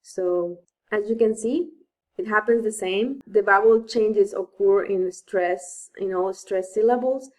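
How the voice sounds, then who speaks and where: A woman gives a recorded lecture over slides, explaining each step patiently and going back over key points. She pronounces the example verb forms slowly, leaning on the stressed syllables. Her voice sits at a middle pitch. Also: a little mellow, rough recording. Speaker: Spanish teacher.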